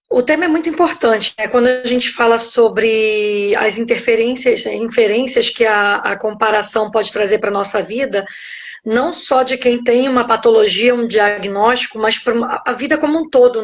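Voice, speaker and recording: A woman's voice: a little high, moderate pace. A middle-aged woman pastor with a Brazilian Portuguese accent, giving a reflective devotional teaching from home over a phone on a live stream, checking in with her listeners as she goes. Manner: reflective, explains step by step, keeps checking in with "né?". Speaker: pastor and guest speaker.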